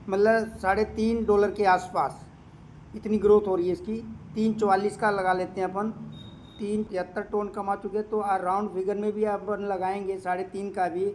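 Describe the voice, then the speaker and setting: A man walking viewers through a screen of earnings and doing the sums aloud, repeating the figures and pausing often to hesitate. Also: high voice, darkish tone, slight background noise. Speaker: crypto income promoter. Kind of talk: screen-share walkthrough with running calculations.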